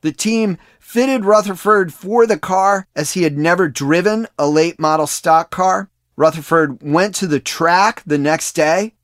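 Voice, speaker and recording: A man with a somewhat high voice narrates a sports history podcast from a prepared script. He speaks in a measured way. The recording is dry and close. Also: a bit bright, no room sound. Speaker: podcast host.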